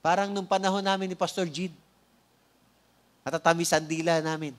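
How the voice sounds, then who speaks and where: A Filipino-accented preacher with a high-pitched voice gives a sermon that opens with a prayer, his intonation fairly even. He often asks the congregation "Amen?" and slows down, drawing out key words for emphasis. Every so often he tosses in a light joke.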